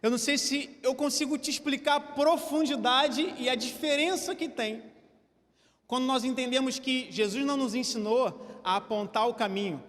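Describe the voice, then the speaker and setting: A man with a Brazilian Portuguese accent preaching a sermon to a church congregation, animated and drawing listeners into a staged demonstration. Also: extremely high pitch, moderate pace. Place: church hall. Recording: church hall with long reverb.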